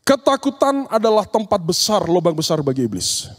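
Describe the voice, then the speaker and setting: A man's voice: high voice, big pitch swings, fairly quick. A man giving a seminar sermon, telling stories and acting out the dialogues in them. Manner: storytelling, acts out dialogues with demons and youths. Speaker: speaker at an occult seminar. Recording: long reverb of a large hall.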